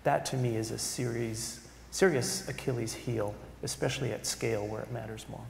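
Man, middle-aged, gravelly, conference panelist, emphatic, echoey hall. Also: medium pitch, fairly even intonation, moderate pace. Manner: conversational, emphatic, tags points with "right?". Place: large conference hall stage. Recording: echoey hall with faint room noise.

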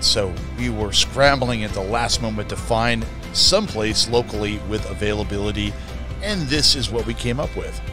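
A middle-aged man from California vlogging casually from an outdoor lakeside campsite, talking in a relaxed, rambling way and correcting himself as he goes. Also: fairly low pitch. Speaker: camping vlogger. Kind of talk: casual travel vlog. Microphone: camera at arm's length. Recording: music playing under the voice.

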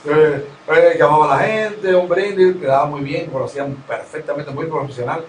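Male announcer guest, lecturing tone, slightly high voice, distant echoey mic. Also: normal speed. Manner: didactic, lists points and gives advice. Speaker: professional radio announcer, interview guest. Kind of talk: conversational interview. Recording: roomy, distant mic with faint noise.

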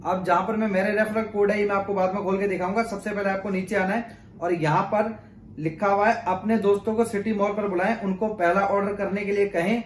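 A man's voice: sits high, steady tone, fairly quick, roomy sound, a little hiss or hum. A young man talking to camera in a chatty tutorial, walking viewers step by step through a shopping app. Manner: chatty and explanatory, often says "friends". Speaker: YouTuber explaining a shopping app. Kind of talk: casual tutorial talk to camera. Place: indoors in front of a plain blue backdrop.

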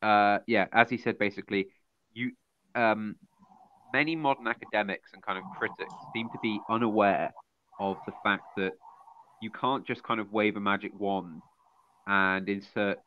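A man in a casual discussion about art who speaks haltingly, with many fillers and restarts. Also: on the low side, steady tone, a little hiss or hum. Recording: dull lo-fi sound.

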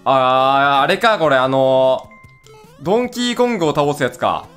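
A young man giving casual, excitable let's-play commentary, blurting quick reactions and rough, playful jabs. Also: medium pitch, faint music behind. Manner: rough casual talk, playful mock scolding. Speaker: gaming video host.

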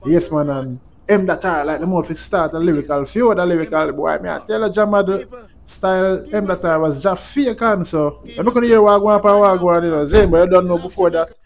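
Higher-pitched Jamaican man in Rasta speech. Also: fairly quick. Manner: Rasta speech with Jamaican Patois, blessings and repeated "yeah man" tags. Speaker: YouTube channel host. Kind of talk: casual music commentary in Rasta speech.

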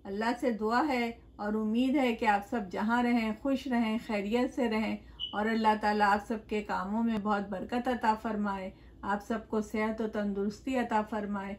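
A woman hosting her own cooking channel, explaining a recipe step by step in a gentle, chatty way, with blessings and greetings to her viewers. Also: medium pitch, fairly even intonation, normal speed, slight background noise. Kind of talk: home cooking tutorial voice-over. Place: home kitchen.

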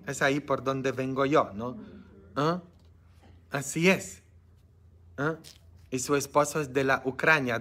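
A man preaching as a priest in a lively Bible study, swinging from shouting peaks to hushed asides, with chatty tag questions. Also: medium pitch. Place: church.

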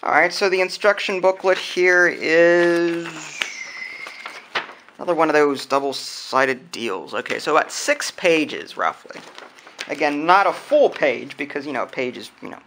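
A man who hosts a board game unboxing channel talks informally at an indoor wooden table, thinking aloud as he handles items. He speaks at a measured pace, his voice on the high side with lively intonation and a fairly bright tone, and slight background noise is present.

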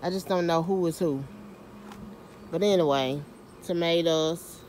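A woman's voice: fairly low pitch, a little slow, a little mellow, a little hiss or hum. A woman giving a chatty, self-mocking garden tour outdoors, filming on a handheld phone. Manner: chatty, self-mocking, uses Southern US slang. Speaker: home gardener and vlogger. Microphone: handheld phone camera.

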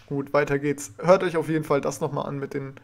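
Indignant young man, fairly high voice. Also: flat delivery, brisk, gravelly. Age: young adult. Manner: indignant, confrontational, swearing. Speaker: reaction video host. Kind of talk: reaction commentary, addressing a rival. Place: small room at home.

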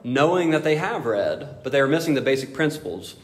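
A man's voice: mid-range voice, very animated, fairly quick. Brief: male pastor, emphatic rhetorical preaching, roomy echo. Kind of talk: sermon. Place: church sanctuary. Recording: echoey hall reverb.

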